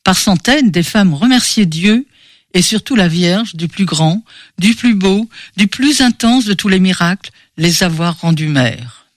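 A man narrating a novel in a measured, expressive way. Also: high-pitched, dry recording, clean studio sound. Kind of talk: scripted audiobook narration.

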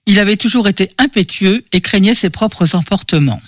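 High-pitched male audiobook narrator. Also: a little fast, dry recording, studio quality.

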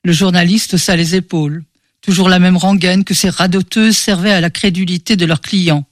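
High-pitched male audiobook narrator. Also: steady tone, moderate pace, dry recording, clean studio sound.

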